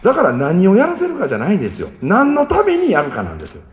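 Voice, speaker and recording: Kansai guy telling stories about his kids, animated, acts out the dialogue, big hall with long reverb. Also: sits high, rapid-fire. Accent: Kansai Japanese. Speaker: speaker telling a story about parenting. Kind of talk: storytelling talk.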